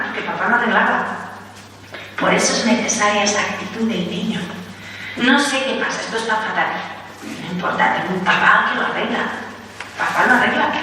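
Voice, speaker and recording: A woman with a Spain Spanish accent gives a spiritual talk, lively and storytelling, acting out little quotes. Her voice is bright and clear-toned. She is recorded from a distance in a large hall with a long, echoing reverb. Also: mid-range voice. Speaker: Carmelite nun giving a talk. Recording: echoey hall from far off, faint noise.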